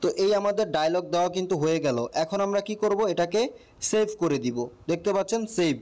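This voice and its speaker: Speaking quickly in a slightly high, somewhat mellow voice, a Bangladeshi man guides viewers through a tutorial. His tone is casual and explanatory, and he pauses often to check in.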